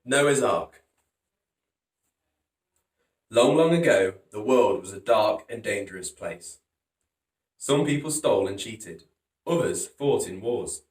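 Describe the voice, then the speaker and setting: With a fairly low voice, a storytime host narrates a children's picture book slowly and animatedly, pausing often for dramatic, emphatic effect. The microphone is distant, leaving a roomy echo.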